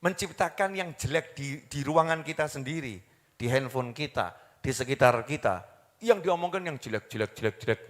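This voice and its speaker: A man's voice: on the high side, lively intonation, moderate pace. A man preaching a sermon, throwing rhetorical questions to his listeners and acting out everyday voices. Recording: long hall reverb.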